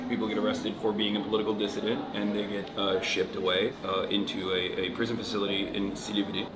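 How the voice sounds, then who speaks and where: A man from Turkey hosting an interview, talking casually and often agreeing with the guest. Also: lowish voice. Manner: conversational, frequent agreeing yeahs. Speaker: interview host. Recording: echoey room with background noise.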